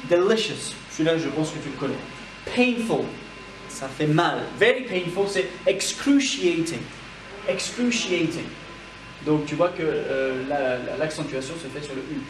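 A man teaching English vocabulary to French speakers in a video lesson, saying each word slowly and having the viewer repeat it. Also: a little high, echoey room, recorded from a distance, background noise. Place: building with a corridor.

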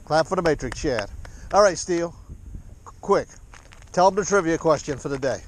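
A man's voice: a little high, expressive, normal speed, poor audio. A man, a father, chatting casually and encouragingly with his young son while fishing, recorded outdoors on an action camera. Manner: upbeat, encouraging, coaching a child. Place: open marsh shoreline outdoors. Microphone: chest or head-mounted action camera. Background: faint wind and boat noise.

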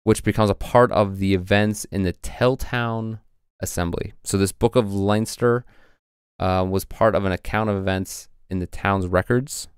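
A male co-host of a casual podcast presents his research, reading passages from old texts and using frequent fillers. His voice is on the low side, clear and resonant, with fairly even intonation at normal speed, in studio-quality sound with no echo.

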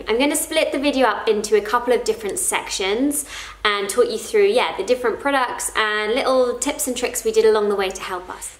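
A woman's voice: mid-range voice, roomy sound. A woman in her thirties talking casually to the camera at home, sharing practical tips in a chatty, friendly way. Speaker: parenting vlogger. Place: living room at home, indoors. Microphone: camera in front at close range.

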